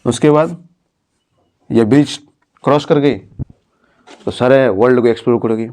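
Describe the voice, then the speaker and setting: A man's voice: medium pitch, moderate pace, a little mellow. A man teaching and counseling a student, talking encouragingly and checking her understanding with questions. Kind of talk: motivational talk to a student.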